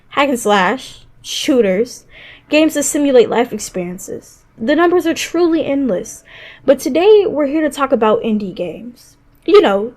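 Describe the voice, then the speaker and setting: A woman with a fairly high but darkish-toned voice narrates a scripted top-five video game countdown, keeping it conversational with casual asides. Music plays in the background.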